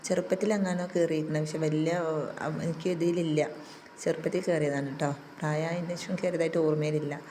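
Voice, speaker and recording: Hoarse, chatty low-voiced woman. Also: mellow, slight background noise. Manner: chatty, homely, tags sentences with "tto". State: hoarse, recovering voice. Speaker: vlogger. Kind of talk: casual vlog narration.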